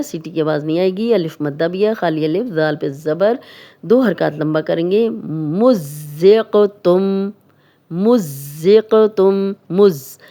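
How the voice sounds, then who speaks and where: A woman with a Pakistani Urdu accent teaches tajweed in a mellow, fairly low voice. She explains each rule patiently and step by step, then stretches recited words out slowly.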